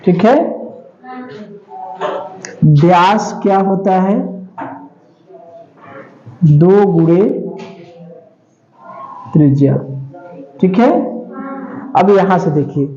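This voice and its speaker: A male math teacher with a high, dark-toned voice, its highs cut off, walks through a lesson slowly and drawn-out, step by step. He repeats each step and poses questions that he then answers himself.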